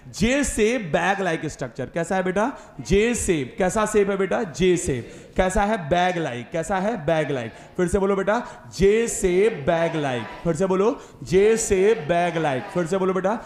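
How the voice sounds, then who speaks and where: High-voiced male biology teacher, echoey room. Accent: Hindi-speaking north Indian. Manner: repeats questions and answers, calls listeners beta and sir. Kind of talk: classroom lecture with call-and-response drilling.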